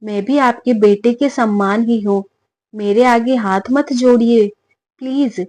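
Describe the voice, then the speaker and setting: A kind young man in a spoken family tale, as a woman narrator puts him on, gentle and reassuring. The delivery is slow, in a fairly high voice, with a dry close sound. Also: fairly even intonation, no echo, close to an everyday voice.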